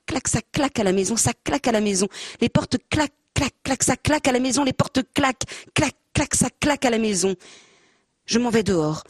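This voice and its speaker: A woman whose talk stumbles and restarts as she gropes for her words, and who then reads a poem with rhythm. Her pitch sits mid-range, and the sound is dry and close, with no room echo. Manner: hesitant, searching for words, self-deprecating. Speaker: panel guest. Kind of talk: halting casual talk, then a poetry reading. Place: panel event with a handheld mic.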